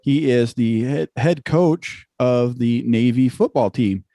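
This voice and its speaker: A man's voice: mid-range voice, slow, mellow, dry recording. A man hosting a podcast interview, enthusiastic and a little rambling in his questions. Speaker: podcast host.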